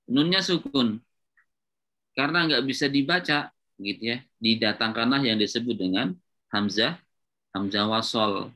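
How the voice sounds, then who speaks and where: Bright-toned male Arabic grammar teacher. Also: medium pitch, unhurried, pauses often. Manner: patient, repetitive, checks with students often. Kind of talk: classroom lecture at a whiteboard.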